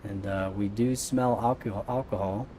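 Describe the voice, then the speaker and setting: Casting: male gaming host, casual play-by-play, soft dark tone, light vehicle ambience underneath. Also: on the low side, steady tone, normal speed, a little hiss or hum. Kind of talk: casual let's-play commentary.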